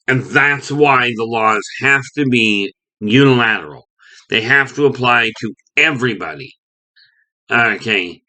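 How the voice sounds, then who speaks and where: A man from Canada talks through his opinions in a loose monologue. His voice is bright and forward, and he keeps stopping to restart a phrase or drop in an "okay". The pitch sits at an ordinary middle height. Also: low-quality recording. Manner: rambling with frequent restarts and "okay". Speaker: video host.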